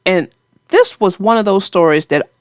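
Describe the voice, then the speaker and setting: At a medium pitch and normal speed, a woman hosts a children's story show, reading aloud and casually discussing the tale. Her manner is folksy and teasingly playful, and the studio-quality recording has no echo.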